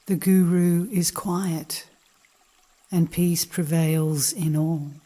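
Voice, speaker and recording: Calm and contemplative, a woman with a fairly low, breathy-edged voice guides a meditation by reading spiritual teachings at a measured pace.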